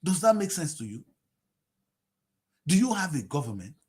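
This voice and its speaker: A man in his late fifties from Delta State, Nigeria, speaks with a Nigerian accent and big pitch swings at a normal speed. His impassioned political commentary on TV is packed with rhetorical questions, shifting between shouting and low mutters.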